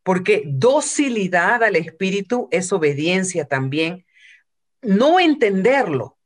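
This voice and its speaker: A woman's voice: medium pitch, big pitch swings, slow pace. A woman preaching a sermon from Peru, retelling a story and acting out quotes, with some English phrases.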